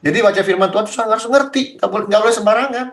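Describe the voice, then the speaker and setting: A man's voice: sits high, racing, a bit bright. A man as a pastor leading a Bible study, talking bluntly and casually, firing rhetorical questions at his listeners.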